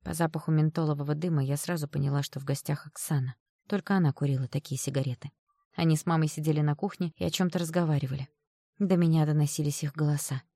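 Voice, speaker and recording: A woman with a low voice reads a first-person novel aloud. Her delivery is even and measured. The recording is close and dry. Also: no echo. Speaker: audiobook narrator. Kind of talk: first-person audiobook narration.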